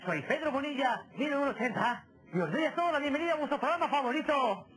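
High-pitched showy Spanish TV host. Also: male voice, animated, fast, poor audio. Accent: Spain. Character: pompous, easily flustered male TV talk show host. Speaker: talk show host. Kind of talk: parody TV presenting. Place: TV studio.

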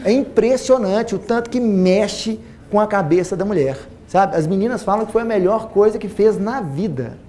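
A man in his forties with a Minas Gerais accent, a plastic surgeon giving an animated seminar talk to a large audience on a lapel mic, repeating phrases for emphasis. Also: high-pitched, moderate pace, hardly any pauses. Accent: Brazilian Portuguese, Minas Gerais. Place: auditorium stage with a large audience.

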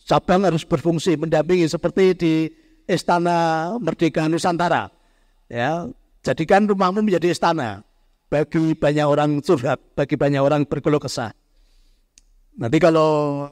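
Man, high voice, motivational spiritual talk, conversational, dry close sound. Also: a little mellow, dry recording. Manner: conversational, addresses listeners directly, mixes in Javanese words. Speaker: spiritual speaker addressing an audience. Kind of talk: motivational talk to a live audience.

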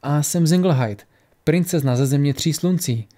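A man's voice: fairly high pitch, dark tone, close to an everyday voice. A man voicing a young princess who speaks earnestly and resolutely. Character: young princess, determined but fearful.

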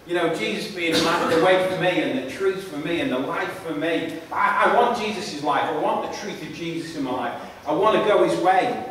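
A man delivers a sermon in a high, earnest voice, repeating and restarting his phrases for emphasis. He sounds far from the mic in a very echoey church hall with a long reverb tail. A faint hiss of room noise sits underneath. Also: normal speed, hardly any pauses, fairly bright tone. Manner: repetitive, emphatic, stumbling restarts. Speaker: preacher.

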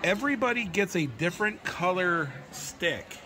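A man in his forties who makes travel videos talks his way through a restaurant meal, sitting at a crowded indoor table with diners chattering around him and music playing. His high voice has lively intonation at a normal speed, and he laughs a lot and repeats himself.

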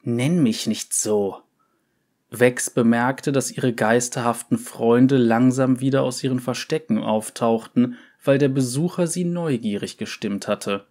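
A man narrating a fantasy story in a measured, deliberate reading. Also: mid-range voice, a little mellow.

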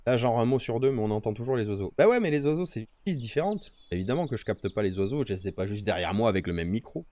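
This fast-talking man has a fairly low, warm voice with lively intonation, captured in a dry recording. He's live-streaming outdoors in nature, chatting casually to himself and his audience while adjusting the settings on his streaming mic with a noise gate.

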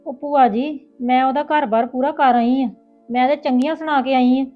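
A woman's voice: high voice, steady tone, close to an everyday voice. A woman playing an outspoken elder sister in a Punjabi village family drama, speaking with a Punjabi accent. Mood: indignant. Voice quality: fast, outspoken, indignant. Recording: tinny phone-like lo-fi with music.

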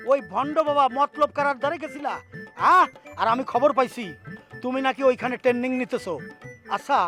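A blustering hot-headed vlogger husband. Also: male voice, very high voice, bright, forceful tone. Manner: bluster and threats in a rustic voice. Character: hot-tempered blustering male YouTuber husband. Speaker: struggling village YouTuber husband. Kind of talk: TV drama comedy acting.

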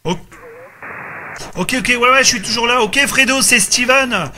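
An amateur radio operator running a group contact chats casually in an extremely high-pitched voice at a measured pace. He often repeats himself and leans on tag words, against a noisy background.

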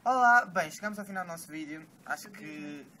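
Lively high-pitched teenage boy, noisy recording. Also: a little fast. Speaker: challenge participant in a group video. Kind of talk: casual challenge vlog chat. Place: outdoors in a walled garden patio. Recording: noisy outdoor camera audio.

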